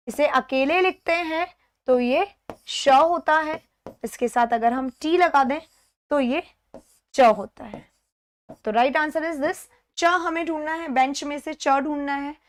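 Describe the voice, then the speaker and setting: Woman, high-pitched, live online lesson, step-by-step explaining, slow repeated pronunciations. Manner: explains step by step, often checks in with "theek hai"; repeats words slowly to model pronunciation. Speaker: English exam teacher.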